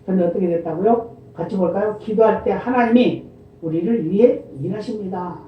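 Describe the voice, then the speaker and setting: A male pastor preaching a sermon, often asking the congregation questions and answering them himself, and reading scripture in a slow, formal cadence. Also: high voice, a little hiss or hum. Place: church sanctuary. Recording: echoey church hall from far off, dull lo-fi sound.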